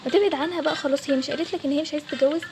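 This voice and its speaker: A woman's voice: sits high, fairly even intonation, racing, over music. A woman with an Egyptian Arabic accent voicing a reassuring young female cafe worker.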